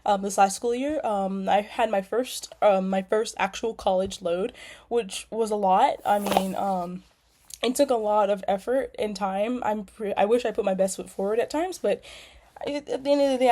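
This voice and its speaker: A woman's voice: mid-range voice, moderate pace, a little mellow. A young woman from California, a nursing student, casually introducing herself with frequent ums and likes. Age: young adult. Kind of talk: casual self-introduction video. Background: lawnmowers outside.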